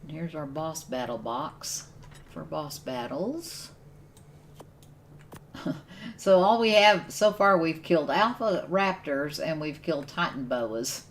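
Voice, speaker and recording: A woman's voice: low voice, animated, takes it slowly, slight background noise. A woman streaming a survival game, giving casual commentary and thinking aloud as she plays. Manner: thinks aloud while playing, with restarts and laughs.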